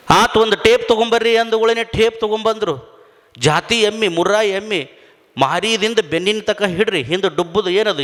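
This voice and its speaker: High-voiced man telling a comic tale. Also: fairly bright tone, long reverb tail. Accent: North Karnataka Kannada. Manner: storytelling with repeated lines and voiced dialogue. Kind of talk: humorous spiritual discourse.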